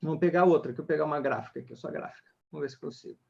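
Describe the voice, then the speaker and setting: High-voiced energetic man teaching sales. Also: racing, creaky. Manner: energetic, talks straight to the audience. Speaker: sales trainer. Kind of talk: online webinar talk. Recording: dull lo-fi webinar audio.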